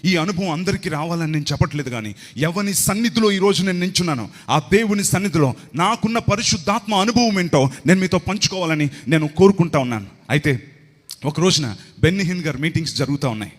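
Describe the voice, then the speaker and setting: A man's voice: a little high, lively intonation, fast talker. A man giving a storytelling sermon testimony as a pastor. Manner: storytelling with quoted voices. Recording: long reverb hall.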